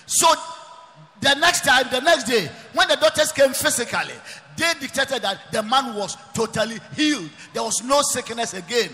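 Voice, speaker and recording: A man preaches in a very high, bright, forceful voice, hammering points home and often breaking into shouts. His voice rings through a large church hall with a long reverb trailing each phrase. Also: expressive, moderate pace. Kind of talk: preaching sermon.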